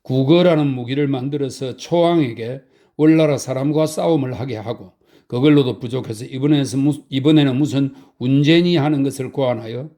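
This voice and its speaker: A man reading a blunt, stern old male sage in a calm audiobook. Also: medium pitch, normal speed, close to an everyday voice. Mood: earnest. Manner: blunt, scolding.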